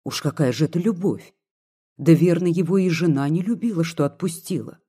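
A devoted, tearful young peasant woman, voiced by an audiobook reader pleads in a soft, earnest way. The tone is dark and mellow with a husky edge. It sounds like a quiet storybook reading. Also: mid-range voice, a little fast, close to an everyday voice.

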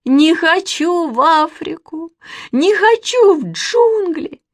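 A woman voicing a frightened little girl who shrieks and cries out in high cries. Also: lively intonation, slow pace, dry recording, clean studio sound, heavily acted. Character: frightened little girl Manya, squealing and tearful.

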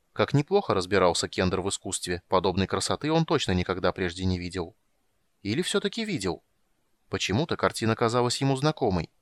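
A man narrating an audiobook in an expressive, animated reading. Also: lowish voice, no room sound.

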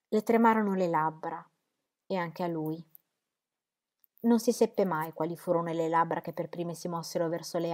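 A woman reading a classic novel aloud as an audiobook, calm and even. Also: lowish voice. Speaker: audiobook reader. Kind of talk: literary audiobook narration.

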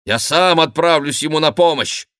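A man's voice: fairly high pitch, normal speed, fairly bright tone, dry recording, clean studio sound, voice pushed up, natural voice. A man voicing a worried king who presses his courtiers with urgent questions. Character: worried middle-aged king, anxious and commanding.

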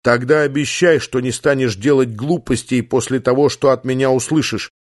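A man doing a calm doomed pilot. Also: mid-range voice, moderate pace, no echo, clean studio sound, lightly acted. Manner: calm, quiet and steady. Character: calm, resigned male pilot comrade.

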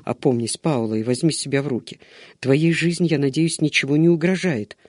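A man voicing a young nobleman who speaks calmly and firmly, trying to restrain his servant. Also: on the high side, brisk, no room sound, studio quality, natural voice. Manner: calm, firm, imploring.

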